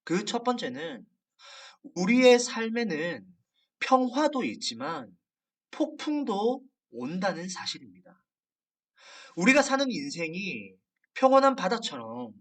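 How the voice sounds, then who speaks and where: Lively storytelling youth preacher, distant mic. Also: medium pitch. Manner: storytelling, dramatic, raises voice for quoted lines. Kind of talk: sermon.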